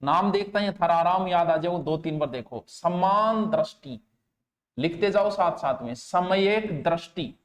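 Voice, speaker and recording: A man teaching an exam coaching lecture, speaking emphatically and repeating key terms slowly for students to write down. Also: fairly high pitch. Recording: roomy echo.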